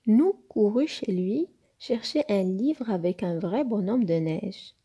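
A woman reading a children's story aloud in a slow, careful, clear narration. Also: medium pitch, lively intonation, mellow.

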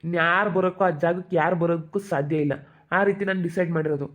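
A man's voice: fairly high pitch, steady tone, fast talker, fairly bright tone. A young man with a central Karnataka Kannada accent, reassuring and soothing, repeating his promises in a couple's conversation. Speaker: vlogger. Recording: tinny phone-like sound.

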